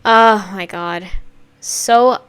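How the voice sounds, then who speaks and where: A woman giving a casual, campy, sassy music video reaction, gushing and swinging between loud exclamations and hushed asides. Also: medium pitch, drawn-out words, clear, resonant tone. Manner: swings from sudden loud outbursts to near-whispered asides.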